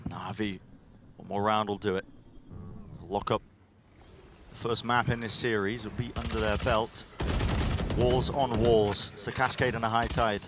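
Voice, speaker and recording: A man's voice: on the low side, steady tone, a little slow, long pauses. A man working as an esports caster, calling live play in urgent, clipped running commentary.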